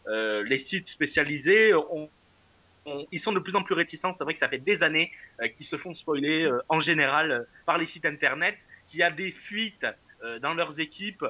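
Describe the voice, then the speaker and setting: A man with a bright, forceful voice chats casually as co-host of a wrestling show, stumbling through fillers and restarts. His voice sits somewhat high. The recording is dry and a bit dull. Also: animated, normal speed, dry recording. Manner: hesitant, many fillers and restarts. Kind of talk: casual podcast chat.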